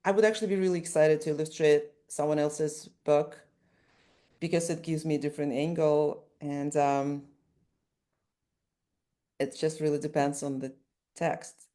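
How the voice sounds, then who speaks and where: A deep, mellow female voice with fairly even intonation moves at a moderate pace, broken by long pauses. The speaker, an author-illustrator from Ukraine with Russian as her first language, answers interview questions thoughtfully and often starts sentences over.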